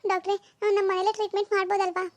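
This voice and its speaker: Woman playing a distraught cartoon mother, very high and shrill, tearful, pleading, fast. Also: level tone, dry recording. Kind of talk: Kannada cartoon voice acting.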